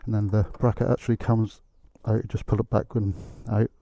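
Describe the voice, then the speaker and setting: A man's voice: on the low side, little pitch movement, fairly quick, gravelly. A man giving a casual hands-on repair tutorial, his voice muffled as he talks from inside a motorcycle helmet. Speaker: motorcycle repair video presenter. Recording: close, dry, muffled helmet audio.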